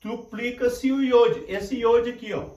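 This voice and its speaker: An older man teaching at a whiteboard, explaining slowly and repeating each point while checking that his students follow. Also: very high voice, steady tone, warm tone, distant mic. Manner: slow, repetitive, drawn-out explaining with frequent checks. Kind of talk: classroom lecture at a whiteboard. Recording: echoey room.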